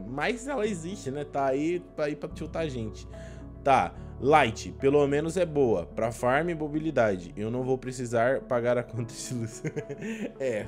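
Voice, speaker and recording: A young Brazilian man giving casual, slangy reaction commentary as a gaming YouTuber, expressive and prone to exclaiming. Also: fairly high pitch. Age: young adult. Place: small indoor room at a desk.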